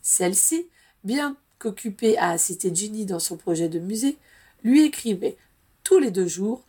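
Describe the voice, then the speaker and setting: A woman reading a novel aloud in calm, even audiobook narration. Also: mid-range voice, moderate pace, husky. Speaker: reader of fan fiction.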